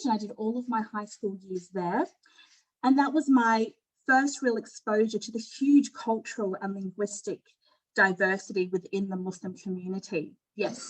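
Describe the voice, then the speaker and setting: A mid-range, slightly mellow voice with an Australian accent belongs to a middle-aged woman on an online forum panel. Over a video call she gives a candid, informal personal talk in a conversational style, though the audio is poor.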